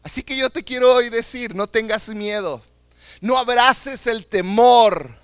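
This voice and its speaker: Bright-voiced pastor preaching slowly. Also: male voice, extremely high pitch, clear, resonant tone, no echo, studio quality. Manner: earnest, emphatic, repeats phrases for stress. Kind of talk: sermon.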